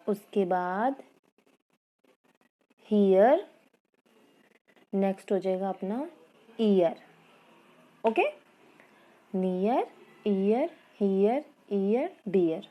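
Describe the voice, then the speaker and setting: Teaching a poem lesson online in mixed Hindi and English, a woman with a mellow, mid-range voice reads English lines slowly and deliberately. She keeps repeating key words and asking her students questions.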